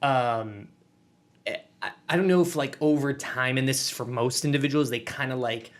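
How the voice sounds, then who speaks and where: A man in his thirties co-hosting a podcast, telling stories in an animated way, swearing freely and mimicking people. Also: medium pitch, normal speed. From United States. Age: 30s. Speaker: podcast co-host. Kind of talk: casual chat.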